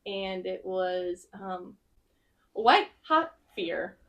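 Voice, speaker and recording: A woman co-hosting a casual podcast chat, talking in an animated way and acting out her own thoughts as quotes. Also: medium pitch, very slow, lo-fi sound. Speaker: podcast co-host.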